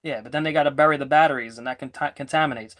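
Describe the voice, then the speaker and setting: A man's voice: a little high, racing, fairly bright tone. A man co-hosting a sports betting podcast in casual banter, joking around, rambling and teasing his partner.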